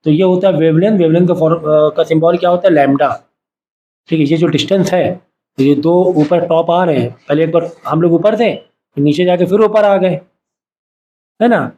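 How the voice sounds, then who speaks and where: This science teacher has a fairly high, warm voice and speaks at a moderate pace in a lo-fi recording. Lecturing his class, he quizzes the students again and again with brief call-and-response questions and has them echo terms back.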